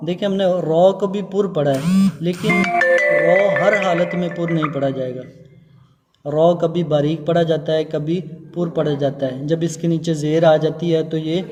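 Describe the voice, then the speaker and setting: A male Quran teacher explaining how to pronounce Arabic letters, chanting each letter slowly and drawn out between short explanations. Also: on the high side, fairly even intonation, big-room sound, dull audio, over loud music. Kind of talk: Arabic letter pronunciation lesson.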